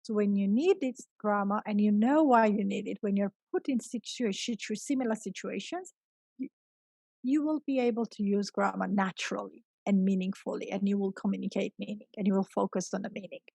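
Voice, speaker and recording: A middle-aged Georgian woman, an experienced English teacher, appears as a guest in a conversational interview, talking fairly quickly with a warm tone. Her medium-pitched voice has a gravelly creak, and she stresses and repeats her main points. The recording is dry and close.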